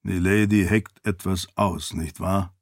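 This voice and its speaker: A man's voice: sits low, fairly even intonation, unhurried, no room sound, clean studio sound, pitched below the performer's own voice. A man voicing a polite, wry male spirit servant in an audiobook, speaking with formal deference. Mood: dry, deferential. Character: dry-witted male spirit servant, a floating light.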